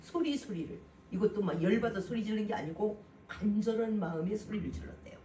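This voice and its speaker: A pastor delivering a Sunday sermon with lively swings between loud and soft, posing rhetorical questions to the congregation. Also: mid-range voice, quick pace, slight background noise. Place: church sanctuary. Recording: roomy hall from a distant mic, faint ambience.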